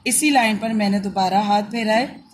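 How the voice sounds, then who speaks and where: Slow, patient woman teaching letters. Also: medium pitch, slight background noise. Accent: Pakistani Urdu. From Pakistan. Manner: slow, repetitive step-by-step instruction. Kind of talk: handwriting and phonics lesson for young children.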